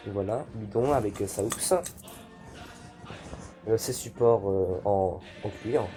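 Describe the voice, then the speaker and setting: A man's voice: on the low side, takes it slowly, dark tone. A young man presenting an unboxing video in a casual, hesitant way, with many fillers. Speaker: YouTuber unboxing militaria. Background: background music.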